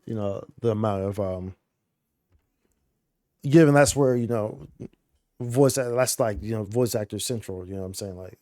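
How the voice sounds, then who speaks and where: A man's voice: fairly low pitch, mellow, dry recording, studio quality. Slangy, rambling male streamer. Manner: rambling, slangy, full of "dude" and "like". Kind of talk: casual chat over gameplay.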